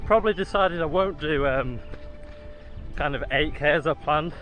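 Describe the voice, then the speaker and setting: On an outdoor run, a man vlogs casually at normal speed, his voice on the high side and a bit bright. Soft background music accompanies a rough recording.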